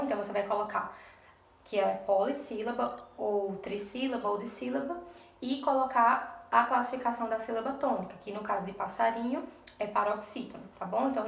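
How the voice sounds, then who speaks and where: A woman's voice: mid-range voice, creaky, echoey room, distant mic. A woman teaching a lesson to young children in a recorded remote class, patient and step by step, often checking in with the class. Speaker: primary school teacher.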